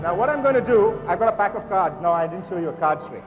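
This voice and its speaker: Young guy doing kids party magician patter, high voice, playful n showy, echoey hall, bit of music behind. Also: animated, quick pace, dull audio. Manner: playful, showy, instructing the audience. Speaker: stage magician. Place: large auditorium stage before an audience. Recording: echoey hall, long reverb, faint music.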